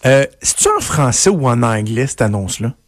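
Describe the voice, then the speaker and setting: A man's voice: medium pitch, lively intonation, a little fast, no room sound, studio quality. A man with a Quebec French accent hosting a casual radio chat, asking rambling, jokey questions. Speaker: radio host.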